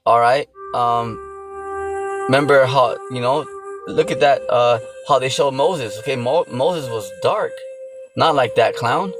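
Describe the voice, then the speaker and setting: With music underneath, a man of medium pitch preaches informally and unhurriedly in his role as a religious teacher. Repetition and fillers run through his talk, along with frequent "okay" and "you know" check-ins aimed at the listener.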